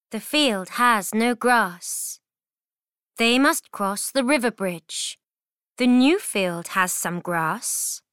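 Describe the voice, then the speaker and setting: A woman reading a simple children's story aloud, slowly and carefully, for learners. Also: medium pitch, fairly bright tone, clear, resonant tone, no room sound, clean studio sound. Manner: careful, evenly paced reading.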